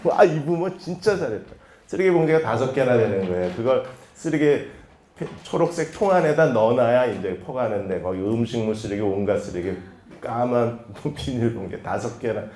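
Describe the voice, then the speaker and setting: A male pastor giving a church lecture, telling stories in a lively way and acting out the dialogue. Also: medium pitch, moderate pace, roomy sound, slight background noise. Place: church hall.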